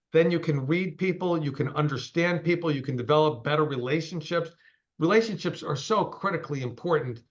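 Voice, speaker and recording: A man's voice: a little high, lo-fi sound. A man in his sixties, a company CEO, giving a straight-talking, emphatic interview over a call. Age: 60s.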